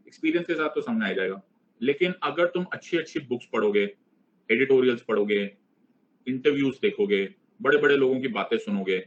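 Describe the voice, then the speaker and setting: A middle-aged man with a medium-pitched voice teaches a live online exam-prep class, playfully teasing his students as he moves back and forth between Hindi and English. The recording has its high frequencies cut off.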